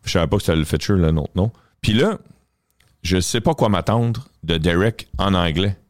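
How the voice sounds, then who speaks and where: A man's voice: sits low, animated, normal speed, no echo, clean studio sound. A man with a Quebec French accent, a comedian guest on a casual podcast, telling stories animatedly and swearing casually.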